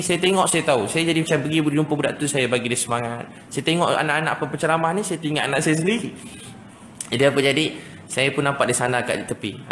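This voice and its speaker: Fast-talking Malaysian preacher in echoey hall. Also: male voice, fairly high pitch, a bit bright. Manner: storytelling, acts out family voices. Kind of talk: sermon with anecdotes. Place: mosque lecture hall. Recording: echoey hall with faint noise.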